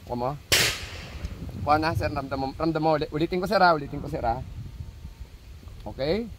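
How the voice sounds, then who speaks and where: A man's voice: fairly high pitch, brisk, slight background noise. A man working as a firearms instructor, coaching trainees patiently and repeating his instructions. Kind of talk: hands-on range coaching. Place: outdoor shooting range.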